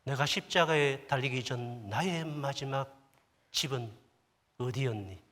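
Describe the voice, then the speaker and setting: A male pastor voicing the Lord as a gentle inner voice, soft and sometimes whispered, in a sermon. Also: mid-range voice, a little slow. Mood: tender. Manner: soft, hushed, at times whispered. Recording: long church hall reverb.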